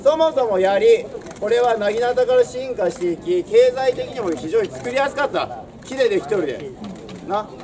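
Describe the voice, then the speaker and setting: A young adult man with a high voice projects a theatrical history lesson in old samurai speech, swaggering and declamatory like a storyteller. He is outdoors in front of a castle stone wall, recorded from afar amid crowd, birdsong and traffic.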